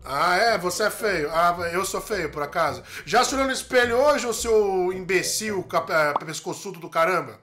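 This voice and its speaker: Exasperated man guest, shouty, bright voice, lively pitch, comedy banter. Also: moderate pace, hardly any pauses, slight background noise. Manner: exasperated, often shouting, repeats himself. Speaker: talk show guest.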